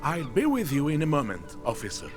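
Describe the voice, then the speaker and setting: A genial old man in a video game. His voice sits fairly high and moves around expressively, placating and encouraging. Music is clearly audible behind him. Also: wildly swooping pitch, fairly quick. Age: older. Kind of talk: video game character acting.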